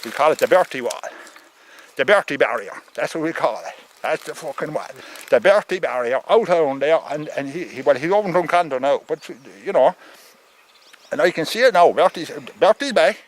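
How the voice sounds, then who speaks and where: A man's voice: a little high, animated, fairly quick. A man with a thick rural Irish accent giving a rambling comic monologue as an opinionated farmer, stammering, repeating himself and swearing.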